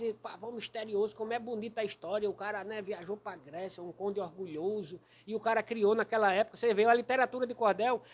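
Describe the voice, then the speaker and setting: A man from Rio Grande do Norte with a Potiguar accent, a cordel poet telling stories in an interview in a folksy, animated way. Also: very high voice. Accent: Rio Grande do Norte Brazilian Portuguese. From Santo Antônio do Salto da Onça, Rio Grande do Norte, Brazil. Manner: folksy, animated storyteller who taps out verse rhythm. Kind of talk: storytelling interview.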